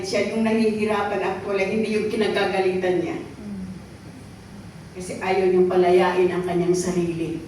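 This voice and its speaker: Recorded from a distance in an echoey church hall, a Filipino woman delivers a sermon in a medium-pitched, darkish voice, with slight hiss or hum. She keeps checking in with the congregation, asking "okay?" and "right?"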